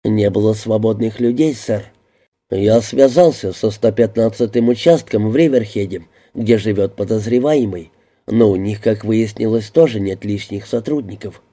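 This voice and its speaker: A man's voice: on the low side, moderate pace, warm tone, lightly acted. A man reading an audiobook voices a harried, exasperated police lieutenant who answers his superior defensively and barks orders at his squad.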